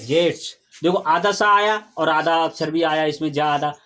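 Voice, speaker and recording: A male teacher with a notably high voice runs a classroom lesson. He keeps firing questions at the class and patiently repeats each key term until it sticks. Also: normal speed, a bit bright. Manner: quizzes the class with call-and-response questions. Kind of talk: classroom Hindi grammar lesson. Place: classroom with students.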